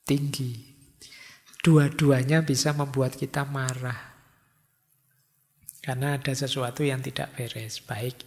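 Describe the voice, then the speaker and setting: A man's voice: medium pitch, a little mellow. A man giving a conversational religious philosophy lecture in a mosque hall. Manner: conversational, acts out quoted students. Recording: long hall reverb.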